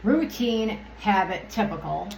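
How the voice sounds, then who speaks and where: A woman's voice: medium pitch, lively intonation, measured pace, vocal fry, a little mellow, a little hiss or hum. A woman doing an oracle card reading on her channel, talking in a rambling, irritated way and swearing often as she rants. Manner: rambling, loses her train of thought. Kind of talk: casual spoken card reading vlog. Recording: echoey room with faint ambience.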